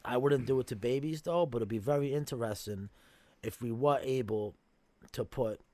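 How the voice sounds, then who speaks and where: A man's voice: medium pitch, normal speed, darkish tone, no room sound. Rambling, cursing podcast host man. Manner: rambling, speculative, swears freely. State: coughing from smoking. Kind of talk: casual chat.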